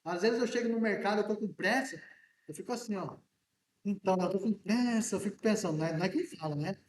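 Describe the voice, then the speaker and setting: A male pastor preaches a sermon in a casual, joking way, firing questions at his congregation. His voice sits high, and he talks loudly because he is hard of hearing. He is picked up from some way off in an echoing church hall. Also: fast. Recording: echoey church room from a distance.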